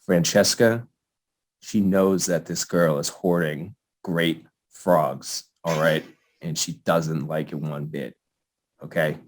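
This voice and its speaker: A shady wise-guy professor with a stereotypical gangster accent, as a man puts him on. He talks low and slow, leaning in close with quiet warnings. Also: fairly even intonation, exaggerated voice. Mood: menacing.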